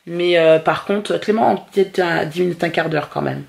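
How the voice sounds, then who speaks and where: A woman chatting casually about daily family life as a vlogger, with a gravelly, creaky voice. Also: lowish voice, normal speed, a little mellow. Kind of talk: casual vlog chat.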